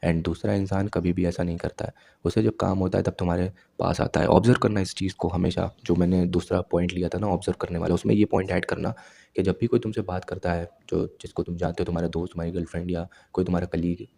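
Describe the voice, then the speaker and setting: A man's voice: sits low, level tone, quick pace, creaky, mellow. A man in his twenties giving blunt self-improvement advice straight to his viewers, lecturing them directly. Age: 20s. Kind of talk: advice monologue to camera.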